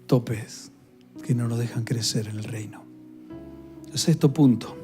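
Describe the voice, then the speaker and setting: A man's voice: medium pitch, slow, dark tone, faint music behind. A male pastor preaching a sermon in a conversational way, asking the congregation to repeat words after him.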